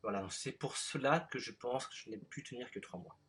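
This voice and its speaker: A man from France in his thirties, interviewing a guest in relaxed chat with lots of fillers. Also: mid-range voice, a little fast, slight background noise. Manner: relaxed, many fillers and short backchannels.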